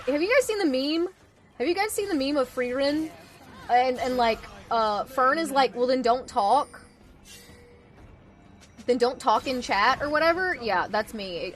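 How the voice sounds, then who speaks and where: A woman with a bright, ringing tone and a fairly high voice streams a game live, cursing and taunting her opponents. Her pitch leaps around widely as she goes from quiet muttered planning to sudden shouts. Faint music plays behind her. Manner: profane trash-talk at opponents; swings between muttering and yelling. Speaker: Twitch streamer. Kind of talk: live gaming stream commentary.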